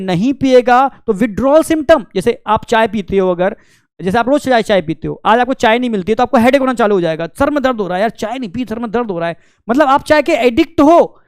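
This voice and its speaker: A man's voice: very high-pitched, darkish tone, clean tone, dry recording, studio quality. A man teaching biology in a casual, conversational lecture, often checking in with his students and acting out quotes from friends. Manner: chatty, keeps asking "ठीक है?", acts out friends' quotes.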